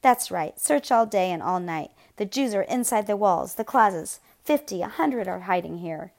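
A woman voicing a small, fierce mother who shouts back at soldiers with defiance and scorn. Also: mid-range voice, lively intonation, moderate pace, vocal fry. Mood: scornful.

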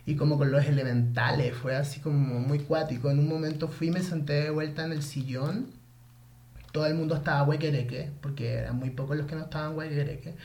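A man telling a long, rambling, animated story in casual, slangy speech. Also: on the high side, vocal fry. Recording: echoey room.

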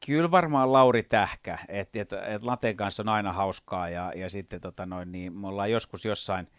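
A man's voice: lowish voice, fairly bright tone, dry recording. A man who works as a voice impressionist, talking casually in an interview and often hesitating as he searches for words. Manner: hesitant, many fillers and restarts, slips into impressions. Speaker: voice impressionist guest.

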